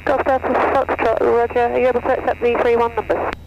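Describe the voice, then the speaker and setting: A male air traffic controller gives clipped procedural instructions over the radio in a very high, gravelly voice, fast and completely flat. The aircraft radio transmission is muffled and noisy, with radio and engine noise behind it.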